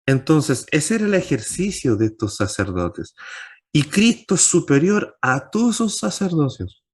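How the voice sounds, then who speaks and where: A man's voice: fairly high pitch, sing-song, unhurried, husky. Emphatic male pastor teaching scripture. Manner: asks rhetorical questions and answers them. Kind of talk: Bible class teaching.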